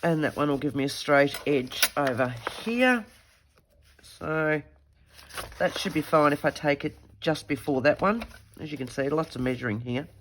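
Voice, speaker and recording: In this casual craft tutorial, the host, a woman with a stuffy head cold, keeps up a chatty self-talk as she works. Her voice is low and her pace moderate, with a little hiss or hum in the recording.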